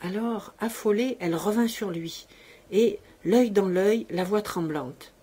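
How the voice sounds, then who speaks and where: Husky-voiced woman reading a story. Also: medium pitch, a little slow. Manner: expressive, dramatic reading. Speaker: narrator.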